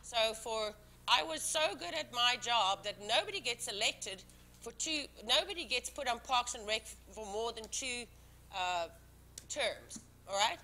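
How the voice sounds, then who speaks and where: A woman commissioner whose first language isn't English speaks at a public board meeting in a town council meeting room, emphatic and defensive, often restarting. Her fairly high voice is bright and forceful, with lively intonation and a measured pace.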